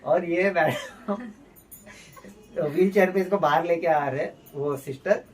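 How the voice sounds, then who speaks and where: A man's voice: a little high, unhurried. A young man, a vlogger and new father, telling a personal story in a heartfelt, rambling way with restarts. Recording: distant mic with faint ambient noise.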